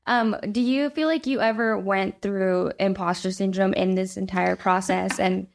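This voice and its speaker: A woman's voice: medium pitch, fairly even intonation, normal speed, vocal fry. A woman interviewing a guest, encouraging and asking follow-up questions.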